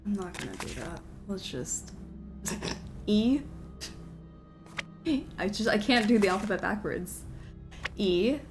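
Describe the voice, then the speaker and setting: A woman streaming a game, chatting casually with viewers, giggling often and apologizing in quick asides. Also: mid-range voice, animated, soft background music.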